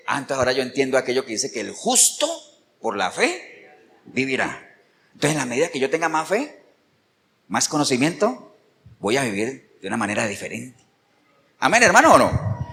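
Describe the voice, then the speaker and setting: A man's voice: on the high side, in a large hall, slight background noise. A male pastor preaching a sermon in Costa Rican Spanish, emphatic and firing rhetorical questions at the congregation. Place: church.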